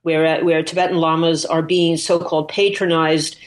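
Lower-pitched woman, discursive scholar. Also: little pitch movement, normal speed. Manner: discursive, thinking aloud with self-corrections. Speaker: interviewed scholar and author. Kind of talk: unscripted scholarly explanation in an interview.

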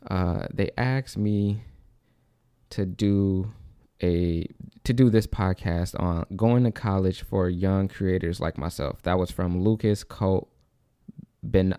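Breathless young man, low and dark. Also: dry recording, clean studio sound. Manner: rambling, repeats and restarts, says "like" and "low-key". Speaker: podcast host. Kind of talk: casual solo podcast monologue.

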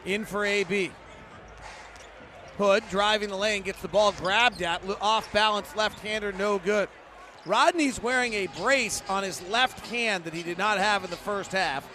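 A man doing live basketball play-by-play, in clipped running descriptions that burst into excited calls. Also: high-pitched, a little slow. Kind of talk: live game commentary. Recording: noisy arena sound. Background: gym noise, bouncing basketball.

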